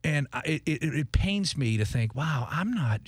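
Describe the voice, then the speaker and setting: A man's voice: on the high side, animated, moderate pace, husky, no room sound. A middle-aged man hosting a podcast in a studio, chatting casually and often tripping over repeated words. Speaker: podcast host.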